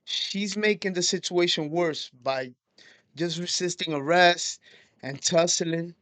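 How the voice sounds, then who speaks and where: A man's voice: sits high, slow, fairly bright tone, dry recording. A man hosting a reaction video, giving blunt, profane, matter-of-fact commentary.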